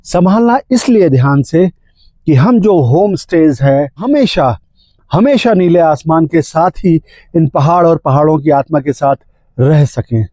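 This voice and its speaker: A man voicing a calm, wise talking house. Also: fairly high pitch, dry recording. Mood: earnest. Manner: gentle, earnest, deliberate.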